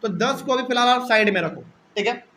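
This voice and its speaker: A man with a notably high voice teaches a math class, walking through each step and posing questions that he then answers himself. A faint hiss of noise sits under his voice. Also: fairly quick, sharp tone, low-quality recording.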